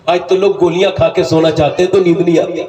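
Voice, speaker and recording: A man preaching a sermon, impassioned and often shouting, drawing out words as he tells stories. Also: fairly high pitch, little pitch movement. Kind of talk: Urdu sermon with told stories. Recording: echoey hall, mic at a distance.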